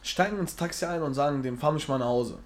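A man's voice: a little high, fast talker, noisy background. A young man in casual chat, telling jokes in slangy street talk and often breaking into laughter.

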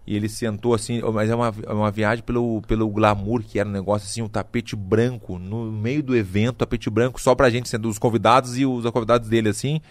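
A middle-aged Brazilian man telling a story casually, animated and slangy, acting out what people said. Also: lowish voice, quick pace, hardly any pauses, no room sound. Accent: Brazilian Portuguese. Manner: animated, slangy, acts out quotes.

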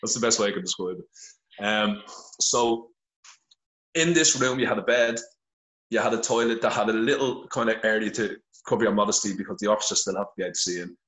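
A middle-aged man from Ireland, guesting on a podcast over a phone held to his face, tells his story in blunt, earnest, heavily sworn candid conversation. His voice is on the low side, brisk and fairly bright, captured in an echoey room with poor audio.

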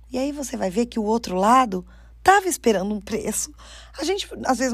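A woman's voice: medium pitch, no room sound. A woman with a Brazilian Portuguese accent gives an informal advice talk, speaking straight to her listeners and acting out quoted speech. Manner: animated, addresses listeners directly, acts out quoted speech. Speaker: career mentor for artists.

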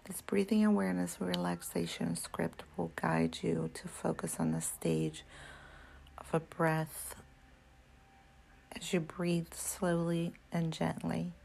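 A woman whispers softly through a breathing meditation, her low voice full of gravelly fry. She speaks very slowly and evenly, in a flat, unhurried whisper. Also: poor audio. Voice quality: soft whisper. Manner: slow, gentle counting instructions. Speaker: meditation guide.

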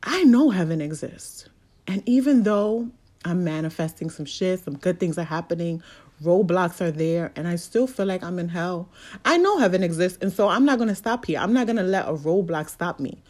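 A woman's voice: on the low side, animated, moderate pace, a little mellow. A woman speaking in a casual motivational monologue, candid and blunt, swearing freely as she preaches about faith and setbacks.

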